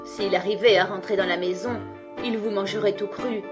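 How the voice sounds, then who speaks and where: A woman's voice: medium pitch, steady tone, moderate pace, over music, natural voice. A woman as a caring old mother goat. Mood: warning. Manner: gentle, warning.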